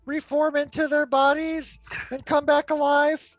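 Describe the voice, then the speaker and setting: A woman playing a tabletop game, casually switching between role-play and narration in a halting, animated way. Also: high-pitched, dry recording, highs cut off. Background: faint music.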